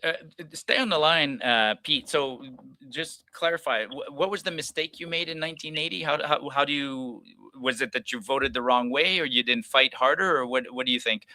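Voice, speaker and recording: Bright-voiced talk radio host, dry studio. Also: male voice, medium pitch, moderate pace, dry recording. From Alberta. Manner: folksy, pragmatic, frequent restarts and asides. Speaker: radio call-in show host. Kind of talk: opinionated talk radio monologue.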